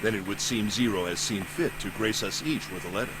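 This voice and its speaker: A man voicing a calm, formal older gentleman who speaks politely. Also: fairly low pitch, brisk, noisy background, pitched below the performer's own voice, close to an everyday voice. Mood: courteous.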